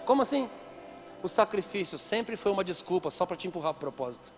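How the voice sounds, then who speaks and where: A man's voice: high voice, quick pace, soft background music. A man preaching a conference sermon into a handheld microphone, telling stories with playful asides. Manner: lively storytelling with playful asides.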